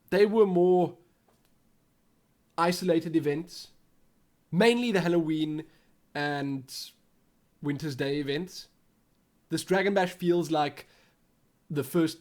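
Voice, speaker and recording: A young South African man with a Western Cape accent hosts a casual gaming Q&A vlog for his YouTube channel, rambling as he thinks aloud. His voice is fairly high-pitched with a darkish tone.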